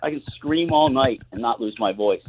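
Man over the phone, husky voice, tinny muffled line, wry and self-mocking. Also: mid-range voice, lively intonation, normal speed. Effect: heard over the phone. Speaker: guest musician. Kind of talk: casual phone interview. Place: at home. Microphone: phone, later on speakerphone.

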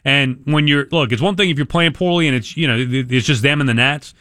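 A man's voice: medium pitch, brisk, a bit bright, no echo, studio quality. A man hosting sports talk radio, giving opinionated commentary with emphatic repetition and rhetorical questions.

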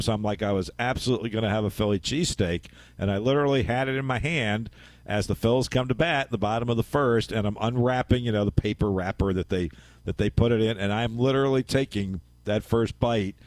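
A man's voice: lowish voice, no echo. A man hosting a sports radio show, telling a story in a chatty, rambling way and laughing at himself. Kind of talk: casual radio chat.

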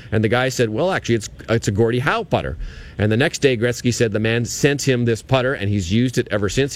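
A man with a lowish voice talks at a fast clip as a golf show co-host. His delivery is casual and anecdotal, like sports radio chat.

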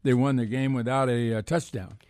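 A man's voice: medium pitch, fairly even intonation, a little fast, darkish tone, no echo. A man co-hosting a sports radio show, giving informal conversational analysis and repeating phrases for emphasis.

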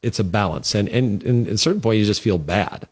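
A man's voice: lowish voice, breathy edge. A man who works as a real estate agent, chatting on a podcast and acting out what clients say. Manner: quick and talkative, acts out quoted clients. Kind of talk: casual podcast discussion.

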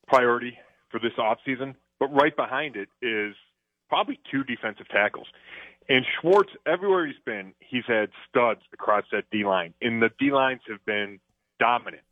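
A football analyst talks about the game on sports radio in a mid-range voice, conversationally, with plenty of fillers and restarts. The audio is dry phone-line sound with no echo.

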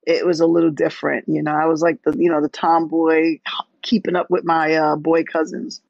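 A woman answering interview questions in a straightforward, friendly way, now and then pausing to find her words. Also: low voice, flat delivery, gravelly, a little mellow, no echo. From South Jamaica, Queens, New York. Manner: straightforward, friendly, slightly halting. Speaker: state trooper, interview guest. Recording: dull, dry lo-fi remote line.

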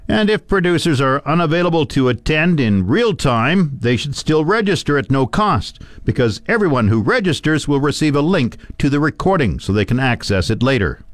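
Guy hosting a radio farm report, super animated pitch, dry studio sound. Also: normal speed, few pauses, dry recording. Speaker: farm news radio host. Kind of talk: radio farm report, scripted market read.

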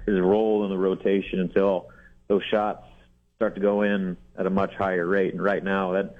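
Male sports reporter calling in, low-ish voice, relaxed with lots of fillers; tinny phone-line sound. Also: normal speed. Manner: relaxed, frequent fillers and restarts. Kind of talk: casual radio chat. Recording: phone-line call-in audio.

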